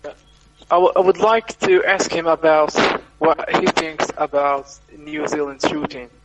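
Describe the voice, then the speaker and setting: A man's voice, fairly high for a man, breaks up into choppy fragments as his connection drops and clips his endings. He speaks slowly and haltingly, repeating words, from a mic set some way off. A faint noise sits under the call. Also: fairly even intonation, far from the mic. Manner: halting, repeats words while searching for them. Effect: choppy audio that cuts out with clipped endings from a bad connection. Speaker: guest on an online talk show. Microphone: computer mic on a call.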